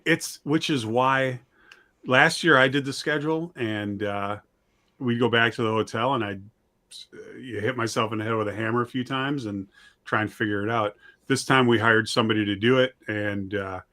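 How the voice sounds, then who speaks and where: A man with a mid-range, bright, forceful voice speaks at normal speed with fairly even intonation. He's an audio drama writer and director appearing as an interview guest, chatting casually, plain-spoken and self-deprecating, and emphatic about his beliefs.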